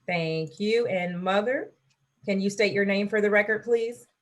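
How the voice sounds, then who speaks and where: A woman's voice: mid-range voice, measured pace. A woman judge heard on a courtroom hearing recording over a video call, formally calling each party to state their appearance for the record.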